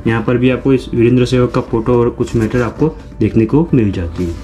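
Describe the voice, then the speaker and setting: In a small indoor room, a young man hosting his own unboxing channel talks viewers through a product, repeating himself as he explains and calling them friends. His voice is mid-range and mellow, his pace brisk, and soft music plays in the background.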